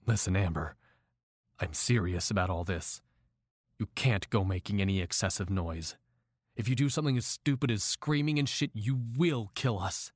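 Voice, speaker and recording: A man voicing a desperate, volatile captor who pleads softly and then screams in rage, in an audio drama. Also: on the low side, moderate pace, no echo, clean studio sound, lightly acted. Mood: pleading, tense. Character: desperate man holding a woman captive, volatile.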